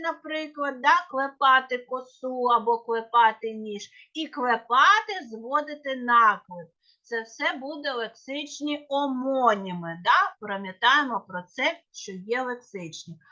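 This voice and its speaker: Slow, bright-voiced woman teaching. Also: sits high. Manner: careful, with small self-corrections. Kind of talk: lecture on grammar. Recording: dull lo-fi recording.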